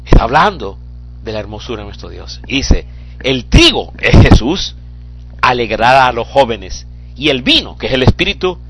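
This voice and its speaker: A man preaching an impassioned sermon, shouting in bursts and then dropping low and quiet. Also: big pitch swings, normal speed, slightly rough. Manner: emotional, admits getting carried away.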